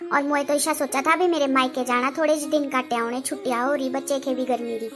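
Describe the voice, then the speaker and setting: A woman's voice: high voice, steady tone, quick pace, over music. A woman narrating a homemade family drama in a plain, conversational way. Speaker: storyteller.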